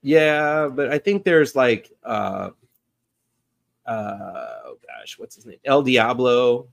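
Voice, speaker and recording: A man's voice: mid-range voice, big pitch swings, slow pace, vocal fry. A man co-hosting a podcast, chatting casually about comic book movies and rambling with many fillers and restarts. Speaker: podcast co-host.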